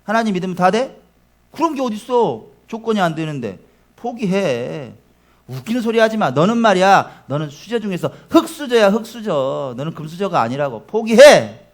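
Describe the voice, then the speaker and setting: A man's voice: sits high, very animated, a little slow, hardly any pauses, fairly bright tone, pitched above the performer's own voice, full character voice. A male pastor voicing a sneering, scornful voice of discouragement that taunts and belittles the listener. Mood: mocking.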